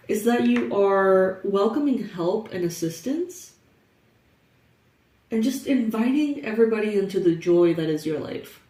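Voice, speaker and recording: Laughing often, a young tarot reader with a congested nose talks casually through a reading. Her voice is medium-pitched and dark, with a roomy sound, far from the microphone.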